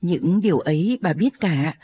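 A woman reading an audiobook, voicing a very old, wary grandmother who talks slowly and solemnly. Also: on the low side, animated, mellow, breathy edge. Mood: grave. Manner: slow, measured, solemn.

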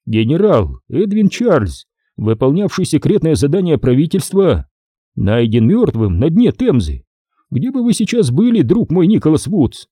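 A sneering, depraved middle-aged major from a crime audiobook, as a male narrator puts him on, raised well above the reader's own pitch. His tone is husky and dark, swinging widely between mocking lilts and sharp commands. The dry, close recording keeps every sneer up front. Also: no echo, full character voice. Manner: ironic, condescending.

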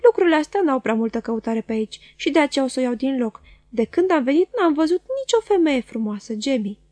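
A woman's voice: high-pitched, expressive, darkish tone, dry recording. Woman doing a sly, gossipy little dwarf lady. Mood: teasing. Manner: quick, teasing, knowing. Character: sly chattering female dwarf, middle-aged, gossipy.

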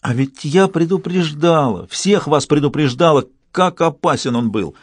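Scheming old woman elder, shrill and scolding, read by a male narrator. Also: expressive, moderate pace, no room sound, clean studio sound.

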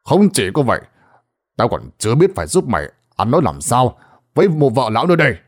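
Man voicing a gruff old village sorcerer. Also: mid-range voice, big pitch swings, fast. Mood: stern. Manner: gruff, scolding, commanding. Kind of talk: ghost story narration.

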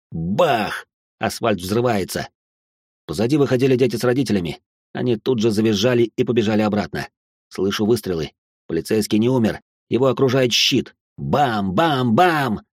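A man's voice: lowish voice, dry recording, clean studio sound. A man narrating a tense, action-filled story in the first person.

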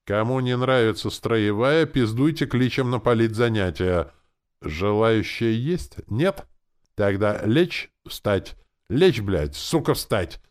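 A foul-mouthed zombie jailer, put on by a man reading aloud, barks drill commands in a raised, strained voice. He yells and curses at his prisoners without pause, loud and bossy. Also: on the low side, lively intonation, voice pushed up. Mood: furious barking. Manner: shouting, swearing, commanding.

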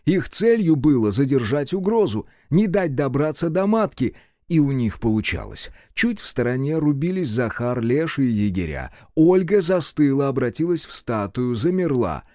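A man reading scripted narration for an audiobook in a lively, expressive way. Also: medium pitch, normal speed, dry recording, studio quality.

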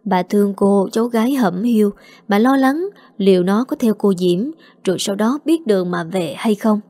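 A woman reading a village drama story aloud in a steady, expressive way. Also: mid-range voice, normal speed, dry recording. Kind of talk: audiobook story narration. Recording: dry close mic with faint music.

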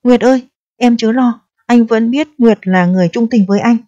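A woman's voice: a little high, moderate pace, dark tone, no echo, lightly acted. A woman reading the lines of an evasive, self-serving young lover who coaxes and schemes in a storybook reading. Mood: coaxing. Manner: coaxing, then coldly calculating. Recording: dull, dry audio.

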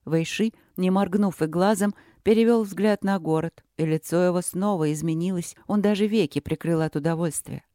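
Dry, measured audiobook narrator. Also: medium pitch, warm tone, no room sound.

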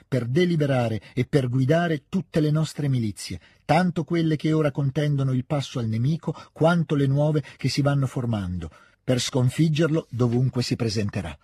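A young woman reads out a proclamation, solemn and declamatory, her voice raised, as a man takes her part. The husky tone stays, recorded dry and close. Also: on the high side, dark tone, dry recording, voice pushed up.

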